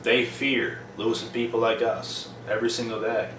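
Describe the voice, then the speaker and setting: Talking at normal speed in a low, level voice, a young man from Prince Edward Island delivers a casual, profane vlog monologue. He's blunt and repeats points for emphasis, and the mic sits far away in a roomy room with noise behind him.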